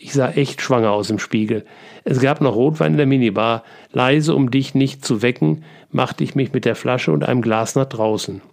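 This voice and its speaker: A man's voice: mid-range voice, creaky, close to an everyday voice. A man reading the part of a tired, tipsy older father who keeps chuckling through his story, in an audiobook. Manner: giggly, breathless telling.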